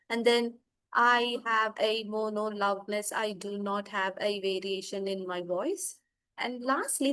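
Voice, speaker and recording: A young woman speech-language pathologist, giving an explanatory online lecture over a video call and pausing often with "uh". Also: a little high. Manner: explanatory, steady teaching tone with frequent "uh" hesitations. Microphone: video call microphone.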